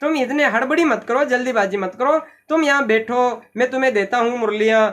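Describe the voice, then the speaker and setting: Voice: mid-range voice, fairly quick, a bit bright, close to an everyday voice. A teacher playing a cheerful flute seller. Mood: coaxing. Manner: patient, coaxing, repeats himself. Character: cheerful male flute seller soothing a crowd of kids.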